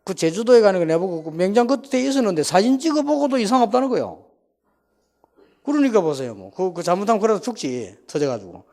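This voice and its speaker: Animated pastor telling a story. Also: male voice, sits high, fast talker, few pauses, long reverb tail. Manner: animated storytelling, rambling asides. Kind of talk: sermon with a personal story.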